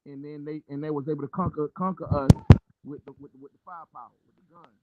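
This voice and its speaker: A man's voice: a little high, fairly even intonation, fast, very noisy. A man talking on a group call whose mic goes muffled and cuts out, so he sounds as if he is behind a wall. He keeps restarting and repeating words as he builds his point. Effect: muffled, dropping-out mic, as if heard through a wall. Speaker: call participant. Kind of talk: casual group discussion on an online call.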